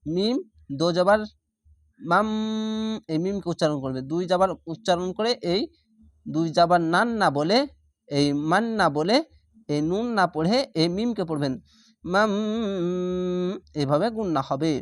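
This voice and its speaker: A man's voice: sits high, measured pace, long pauses, no echo, studio quality. Male Quran teacher spelling syllables. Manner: spells each letter and syllable, then drawls the joined word. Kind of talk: spelling-out Quran recitation lesson.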